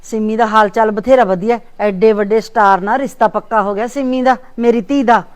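A scornful, sharp-tongued aunt, played by a woman scolds her family in a high voice. She taunts everyone in her village drama with a Punjabi accent. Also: fairly even intonation, brisk, close to an everyday voice. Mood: boastful. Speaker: visiting aunt.

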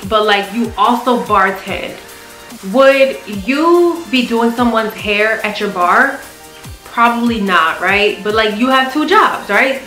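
Sitting on a sofa indoors in a small living room, this American vlogger and flight attendant, a young adult, speaks in a fairly high, pushed, bright voice. She chats emphatically to camera, checking in with "right?" often; the recording is reverberant and low quality.

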